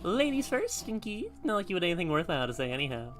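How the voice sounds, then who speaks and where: A bright, quick-tongued rabbit schemer from a video game, flirty and mocking. The pitch leaps around theatrically over background music. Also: big pitch swings. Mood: flirty, smug. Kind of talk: video game cutscene acting.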